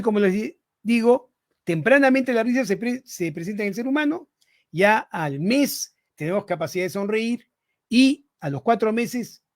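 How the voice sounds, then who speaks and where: A man in his sixties, a physician giving a lecture-style podcast talk, often turning to his listeners with rhetorical questions. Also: high-pitched. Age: 60s. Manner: rhetorical, keeps asking listeners "¿no?".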